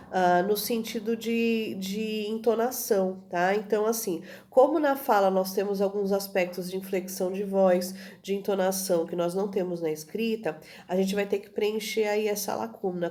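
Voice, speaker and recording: A woman's voice: mid-range voice, mellow, a little hiss or hum. A woman teacher giving a recorded video lesson, explaining at an easy pace and often checking in with her students. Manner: many fillers and restarts, checks in with "tudo bem?".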